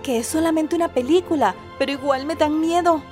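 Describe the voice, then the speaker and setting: Woman as very high-voiced girl. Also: a little fast, a little mellow, soft background music, natural voice. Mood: inquisitive, earnest. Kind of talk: scripted children's show dialogue.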